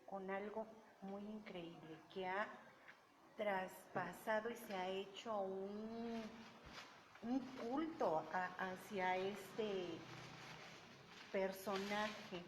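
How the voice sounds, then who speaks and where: A middle-aged woman chatting casually about books with friends, unhurried and hesitant. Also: medium pitch, steady tone. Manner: unhurried, hesitant, many fillers. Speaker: book club co-host. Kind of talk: casual book chat. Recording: echoey room with noise.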